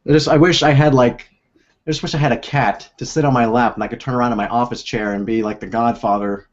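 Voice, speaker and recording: A man's voice: medium pitch, fairly even intonation, fast, dull audio. A young man hosting a casual video call chat, rambling and laughing often as he talks from a room at home. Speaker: host. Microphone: own desk microphone.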